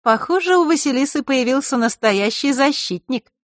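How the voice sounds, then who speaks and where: A man voicing a calm, sly young fairy girl in an audiobook, speaking gently and innocently. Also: sits high, fairly quick, no echo, clean studio sound, pitched above the performer's own voice.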